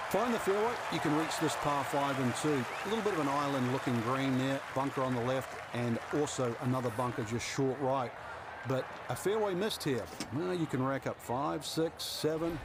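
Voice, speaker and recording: A man's voice: mid-range voice, noisy background, lightly acted. A man working as a golf commentator, giving conversational, explanatory analysis of shots and holes. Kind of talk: golf commentator analysis for a sports video game broadcast.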